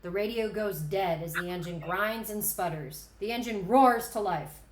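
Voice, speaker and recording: A woman reads the stage directions as narrator at a screenplay table read, her medium-pitched voice at normal speed. The room is echoey, with background noise.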